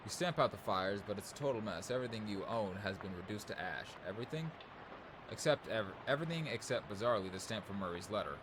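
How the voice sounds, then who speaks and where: A man's voice: lowish voice, animated, fast. A young man playing a game, reading its text aloud with casual commentary, swearing and surprised asides. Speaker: let's play gamer. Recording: noticeable background noise.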